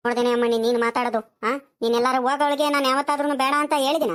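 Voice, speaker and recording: A woman's voice: high voice, monotone, fairly bright tone. A woman voicing a kindly, talkative elderly grandmother in a cartoon, with a chatty, coaxing manner. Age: older. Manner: chatty, coaxing, drawn-out fillers. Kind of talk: cartoon voice acting.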